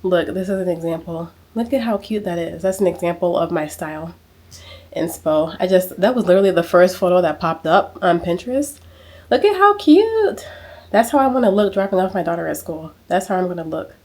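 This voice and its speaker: A woman in her thirties talks straight to her handheld camera in a relaxed lifestyle vlog. Her voice sits a little low, and she leans on emphasis, saying her key points twice. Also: brisk. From United States. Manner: chatty, emphatic, repeats phrases for effect. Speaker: lifestyle vlogger. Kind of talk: casual vlog chat. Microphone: small handheld camera mic.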